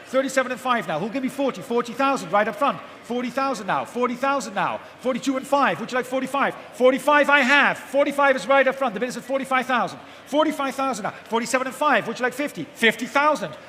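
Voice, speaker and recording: High-pitched male auctioneer in an echoing hall. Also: bright, forceful tone. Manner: auctioneer's chant of repeated bids, prompting bidders. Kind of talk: live auction calling. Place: large auction hall with live audience. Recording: echoey noisy hall, amplified live event.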